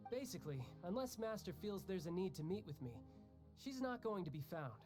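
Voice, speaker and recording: An actor voices a cocky young warrior in a video game, breezy and joking, teasing and laughing frequently, with game music behind him. The man's voice is high and sing-song, and he speaks fairly quickly.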